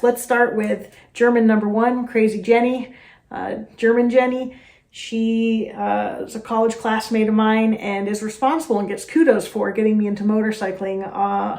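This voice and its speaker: A woman's voice: on the high side, darkish tone. Chatty American woman, roomy echo. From United States. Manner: chatty, self-deprecating, with frequent fillers. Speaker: host. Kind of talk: casual vlog talk to camera.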